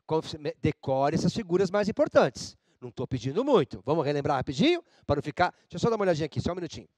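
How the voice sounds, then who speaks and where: Lively, animated male teacher. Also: a little high, racing, dry recording. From Brazil. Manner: animated, playful, addresses students directly. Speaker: Portuguese teacher. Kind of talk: lively televised class lecture.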